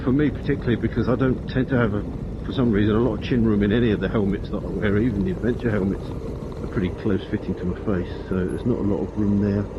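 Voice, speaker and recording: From inside his motorcycle helmet, a fast-talking man with a fairly low, fairly even voice rambles casually as he rides country roads for a motovlog. The helmet intercom recording is muffled and boxed-in, full of loud wind and engine noise.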